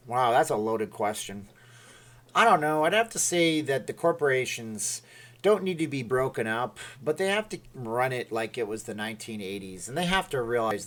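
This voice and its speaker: Rambling man reading chat. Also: medium pitch. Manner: rambling, reads viewer comments aloud. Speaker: livestream host. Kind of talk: casual livestream chat. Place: Las Vegas.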